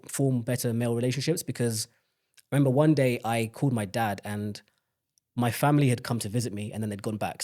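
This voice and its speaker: A man's voice: mid-range voice, darkish tone. A young man from the UK speaking as a podcast guest, telling personal stories in an open, reflective way. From United Kingdom. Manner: open, reflective storytelling with many restarts. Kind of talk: candid personal conversation.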